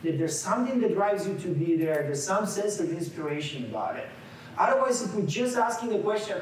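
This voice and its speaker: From a distance in a large, echoey meeting room comes the high, darkish voice of a workshop leader, a Bulgarian man in his forties. He gives an interactive seminar lecture in a conversational style, with frequent restarts and questions for the audience. A little hiss or hum is audible.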